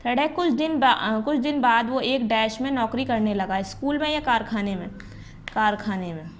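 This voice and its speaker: Woman teacher, fairly high voice, patient step-by-step explaining, faint hiss behind. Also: normal speed. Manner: patient, explains step by step and asks the class questions. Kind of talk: classroom lesson.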